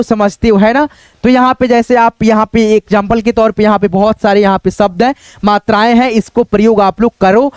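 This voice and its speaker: High, clear-voiced male teacher. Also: a little mellow, no room sound. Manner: repeats "dosto" and "dekho", asks the viewers questions. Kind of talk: informal video lesson.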